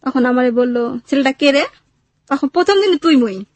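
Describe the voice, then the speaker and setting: In a high, lively voice at moderate speed, with no room sound, a Bangladeshi-accented woman narrates her own life for an interviewer. She keeps it casual and plain, quoting dialogue as the story unfolds.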